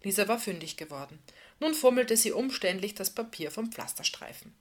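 Woman, novel reading, calm, even narration, mid pitch. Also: a little fast. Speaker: reader.

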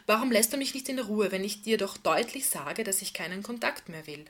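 A woman reading as a flustered, irritable woman who snaps in short, clipped lines. Her voice sits at an ordinary middle pitch and stays tense and defensive. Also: expressive, a little fast, fairly bright tone. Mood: sharp.

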